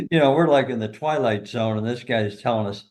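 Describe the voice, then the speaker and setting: An older man tells caddie stories as an interview guest, with an animated delivery. He chuckles often and fills his sentences with "you know.". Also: mid-range voice. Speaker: golf teacher and former caddie, guest. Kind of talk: anecdotal storytelling in an interview.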